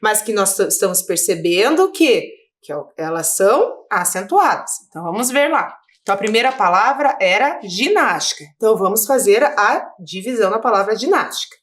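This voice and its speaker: Woman teacher, from Brazil, video lesson for children, patient step-by-step explaining, lively rising and falling pitch. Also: moderate pace, hardly any pauses. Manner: patient, explaining step by step with frequent check-ins.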